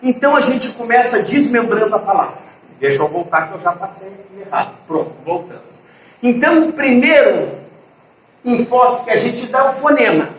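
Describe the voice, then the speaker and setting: A man's voice: extremely high pitch, expressive, fairly quick, fairly bright tone, distant mic, a little hiss or hum. A man teaching an online grammar lesson, explaining step by step and often checking in with his students. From Brazil. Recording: echoey room, voice from off-mic.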